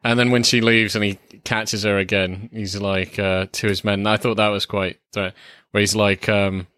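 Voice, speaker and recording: Ein Mann mit tiefer Stimme spricht zögerlich und gelassen, mit vielen „uh“ und „you know“. Der Klang ist trocken und direkt, ohne Hall. Er wirkt wie ein Co-Moderator in einem lockeren Filmpodcast. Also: male voice, fairly low pitch, level tone, moderate pace, a bit bright, clean tone, clean studio sound. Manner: hesitant, many fillers, laid-back. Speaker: film review podcast co-host. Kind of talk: casual chat.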